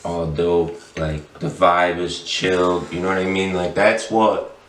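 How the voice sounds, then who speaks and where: A man's voice: deep voice, flat delivery, slow pace, fairly bright tone, slight background noise. A middle-aged man chatting casually as a podcast guest in a laid-back, slangy stoner drawl. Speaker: podcast guest, tattoo shop owner. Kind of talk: casual chat. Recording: roomy echo, distant mic.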